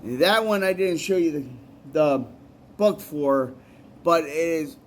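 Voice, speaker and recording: A man's voice: on the high side, expressive, takes it slowly, a little hiss or hum. A man, a musician and poet, giving rambling, earnest advice in a casual vlog, often repeating himself.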